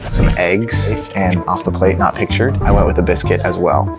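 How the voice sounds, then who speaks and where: A man who is a guest on a vlog, chatting over breakfast in a hushed, joking way. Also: deep voice, little pitch movement, normal speed, vocal fry, loud music behind the voice. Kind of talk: casual chat over breakfast.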